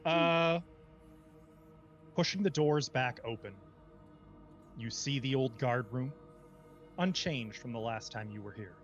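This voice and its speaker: A man's voice: mid-range voice, slow, long pauses, soft background music. Male game master, slightly muffled. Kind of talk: tabletop game narration and casual table talk.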